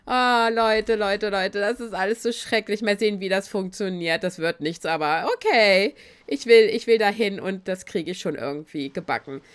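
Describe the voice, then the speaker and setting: A woman's voice: medium pitch, moderate pace. A woman gaming YouTuber chatting casually and animatedly through a Let's Play, her voice giving out because she is ill. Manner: animated, breaks into laughter. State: voice giving out from illness.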